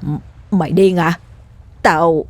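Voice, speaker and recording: A woman voicing a weak, guilty old village man who denies everything and shouts for help. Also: on the low side, steady tone, slow pace, no echo. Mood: denying. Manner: wheezing denial, then panicked yelling.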